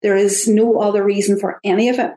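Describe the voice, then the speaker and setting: A woman with an Irish accent, a podcast guest talking in an earnest, halting way with frequent restarts. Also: mid-range voice, level tone, mellow. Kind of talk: reflective interview talk. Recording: roomy echo.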